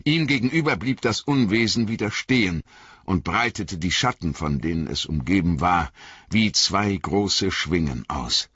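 A man reading a fantasy novel aloud as an audiobook narrator, in a measured, dramatic way. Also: sits low, expressive, fairly bright tone, slightly rough, no room sound, muffled recording.

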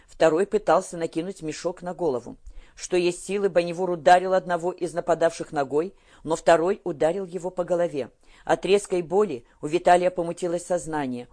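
Woman audiobook narrator, low and deep, steady delivery. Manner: steady storytelling. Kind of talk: scripted narration.

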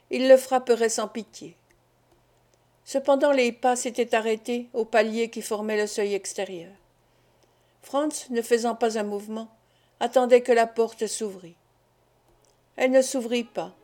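A woman narrates a classic novel for an audiobook, reading the script in a measured, expressive way. Her voice is a little high.

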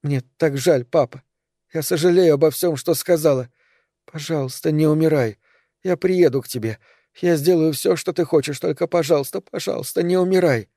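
A man's voice: a little high, moderate pace, warm tone, no room sound, studio quality, voice pushed up. Man voicing a distraught, fiery young daughter. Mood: desperate. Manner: pleading, raised.

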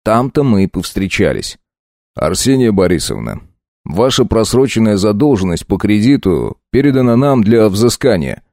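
A man narrating an audiobook in a steady, measured way. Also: fairly low pitch, no room sound, studio quality. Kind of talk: scripted narration.

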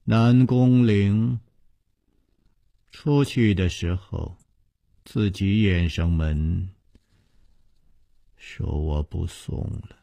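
A man voicing a cold, guarded middle-aged widow in a wuxia story, speaking low, flat and measured. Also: gravelly, dry recording, studio quality, exaggerated voice.

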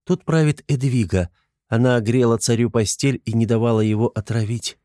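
A man's voice: medium pitch, a little fast, dark tone, no echo, studio quality, close to an everyday voice. A man voicing a meek, obedient young serving girl who speaks timidly. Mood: obliging.

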